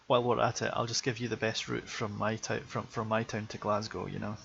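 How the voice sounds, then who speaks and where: A gravelly man working the tower in a flight sim, with a lowish voice. He laughs easily in chat and switches to clipped radio calls. The headset audio is dull and lo-fi. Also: little pitch movement, moderate pace, a bit bright. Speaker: air traffic controller in a flight sim.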